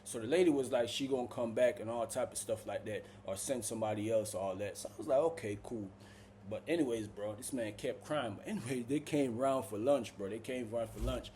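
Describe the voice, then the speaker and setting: A man telling a prison story in a casual, animated, slangy way. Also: brisk, hardly any pauses, slight background noise. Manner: animated, slangy, keeps saying "bro" and "boom".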